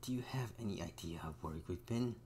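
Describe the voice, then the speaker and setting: A man voicing an eccentric, excitable old male researcher from a video game, brisk and exclaiming. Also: sits low, slight background noise, pitched above the performer's own voice, lightly acted. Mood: exclaiming, worried. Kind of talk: reading game dialogue in character.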